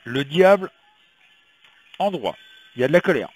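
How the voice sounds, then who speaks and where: A man's voice: on the high side, big pitch swings, moderate pace, soft background music. A man from France reading tarot in a casual weekly prediction vlog, chatting and rambling with many fillers while fighting a slight cold. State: has a slight cold, coughing. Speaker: tarot reader.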